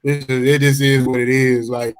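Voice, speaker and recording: A man's voice: medium pitch, little pitch movement, normal speed, clean tone, low-quality recording. A man co-hosting a sports podcast in casual chat, laid-back and repeating himself. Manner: laid-back, repeats phrases, laughs often. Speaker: podcast co-host.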